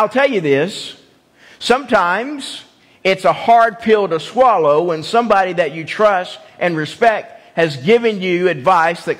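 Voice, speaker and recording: Pastor, male, high-pitched, emphatic sermon delivery in a long-reverb sanctuary. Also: a bit bright. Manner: emphatic, repeats key phrases, asks the congregation questions. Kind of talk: evening sermon. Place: church sanctuary.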